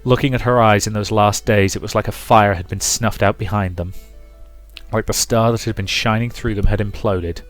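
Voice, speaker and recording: Hosting a let's play, this man narrates the game's story in a dramatic read-aloud and comments on it casually while music plays behind him. He speaks at a moderate pace in a fairly low voice with fairly even intonation.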